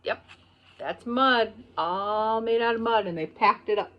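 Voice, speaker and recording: A middle-aged American woman who teaches pre-kindergarten reads a picture book aloud, explaining it simply and pausing on key words. Her voice is mid-range, and the recording sounds muffled.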